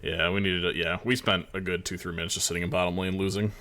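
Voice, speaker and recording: A man's voice: low voice, little pitch movement, fast, bright, forceful tone, slight background noise. A man casting a live esports match, chatting in a rambling, casual way over a stream mic. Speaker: esports caster.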